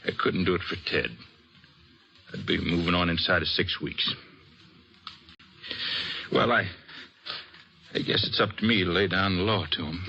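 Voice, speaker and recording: In a lo-fi recording, an actor gives a full character voice to a restless, blustery and regretful American gambler father in an old-time radio western. His low, gravelly voice holds a steady, sharp tone, and his folksy delivery is halting.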